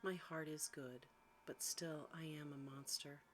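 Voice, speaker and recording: A meek, lonely storybook monster as a woman reads him, speaking low and hushed. He is courteous, self-deprecating and quietly sad, with faint noise behind the voice. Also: fairly even intonation, measured pace, poor audio. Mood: humble. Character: humble, gentle, melancholy male beast, a lonely monster.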